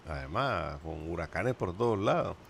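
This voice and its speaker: A man's voice: deep voice, lively intonation, moderate pace, creaky, slight background noise. A man, chatting casually as a panelist on a radio show. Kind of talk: casual chat.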